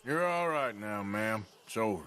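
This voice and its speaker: A terse, gruff gunslinger. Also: male voice, animated, moderate pace, bright, forceful tone. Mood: calm. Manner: terse, gruff, low-key. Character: gruff calm male outlaw gunslinger, protective.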